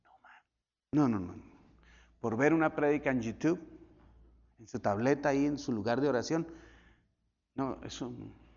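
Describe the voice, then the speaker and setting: Pastor preaching in an echoey hall. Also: male voice, medium pitch, normal speed, vocal fry, long pauses. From Colombia. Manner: animated storytelling with sudden drops to near whisper. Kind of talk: sermon. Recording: dull echoey church hall.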